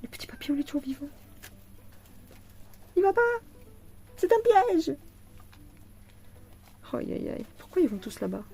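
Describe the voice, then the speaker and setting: A woman's voice: sits high, big pitch swings, normal speed, creaky, pauses often, dark tone. Tired, chatty French-speaking woman vlogger. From France. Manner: chatty, talks to the viewer, laughs often. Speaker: cross-stitch vlogger. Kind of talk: casual chat unboxing a craft kit.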